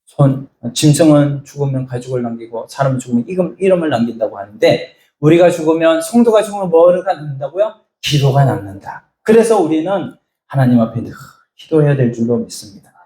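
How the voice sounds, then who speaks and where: A man's voice: fairly high pitch, animated, brisk, dark tone, roomy sound. A middle-aged man preaching a sermon as a pastor, telling stories, acting out voices and asking the congregation questions. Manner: storytelling, acts out voices, asks the congregation questions.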